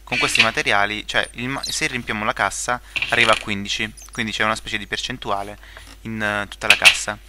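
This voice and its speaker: A man's voice: fairly low pitch, level tone, fairly quick, heavy background noise. A young man giving casual gameplay commentary, rambling with many fillers, restarts and joking asides. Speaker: gaming video creator.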